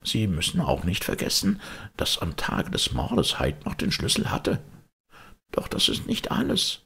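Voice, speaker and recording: A man voicing a loyal, frightened old male servant in an audiobook, speaking in a hushed, anxious, pleading way with a raspy voice. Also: low voice, wildly swooping pitch, a little slow, voice pushed up, full character voice. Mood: uneasy. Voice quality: gravelly, raspy. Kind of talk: audiobook character reading.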